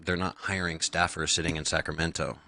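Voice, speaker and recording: A man co-hosting a podcast, chatting casually with quick tangents and wry humor. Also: very deep voice, flat delivery, bright, forceful tone. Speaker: podcast co-host.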